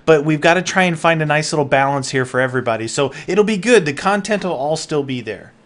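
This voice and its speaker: A man explains channel plans in easy, hesitant casual chat. His voice is fairly high, and he leans on fillers and restarts as he goes. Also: quick pace. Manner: relaxed, hesitant, filler-heavy. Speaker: channel co-host.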